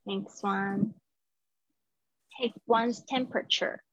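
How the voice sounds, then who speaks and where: A woman teaches English words over a video call, slowly and patiently correcting her student's pronunciation. Her voice is slightly husky and the audio is dry and dull, like a lo-fi online call. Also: mid-range voice, steady tone, dry recording. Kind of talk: live online vocabulary lesson.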